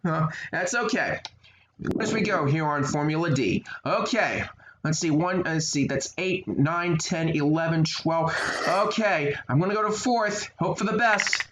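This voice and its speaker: A man's voice: fairly high pitch, unhurried. A man hosting a tabletop racing game, casually counting spaces aloud and asking players to lock in their moves. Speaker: host running the game. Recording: echoey room with noise.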